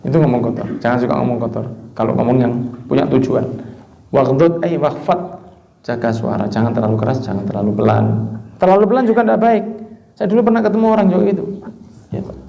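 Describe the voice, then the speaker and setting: A man preaching a religious study sermon, explaining verses word by word with lively asides. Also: medium pitch, quick pace, creaky. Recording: roomy, dull lo-fi recording.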